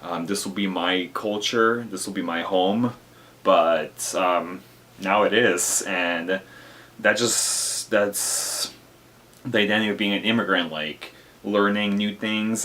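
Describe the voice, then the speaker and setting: A man's voice: low-pitched, fairly bright tone. A young man from Lithuania sharing a personal spoken reflection, hesitant and full of fillers and restarts. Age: young adult. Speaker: college student.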